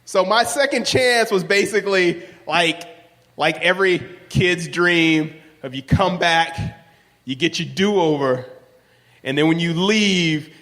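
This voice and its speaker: A man with a loud, projecting voice, telling a personal story on stage and acting out the dialogue. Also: high-pitched. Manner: animated, acts out dialogue in raised voices. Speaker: live storyteller. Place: stage in a large hall. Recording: live recording with long hall reverb.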